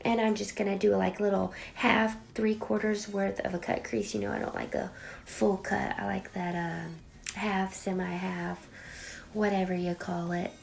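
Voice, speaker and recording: A young woman with a raspy voice from a cold, chatting playfully and dramatically through a makeup tutorial, sometimes dropping to a whisper. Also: medium pitch, flat delivery, normal speed. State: getting over a cold. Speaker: beauty vlogger. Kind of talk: casual makeup tutorial chat.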